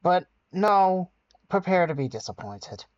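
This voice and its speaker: A man's voice: high-pitched, sing-song, measured pace, no room sound, dull audio. A man giving sarcastic, scolding reaction commentary as a video host. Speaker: commentary YouTuber.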